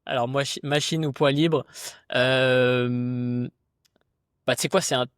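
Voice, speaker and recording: A man talking as a podcast guest and fitness coach, in a chatty, relaxed, slangy way with lots of fillers. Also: mid-range voice, slow pace, clear, resonant tone, dry recording, studio quality. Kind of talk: casual conversation.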